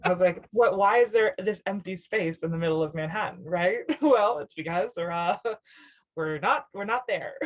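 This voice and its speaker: With a medium pitch, lively intonation, and moderate pace, a young adult woman from near Nashville, Tennessee, talks as a musician guest on an interview show. Her casual chat is rambling and reflective, full of fillers and frequent laughs.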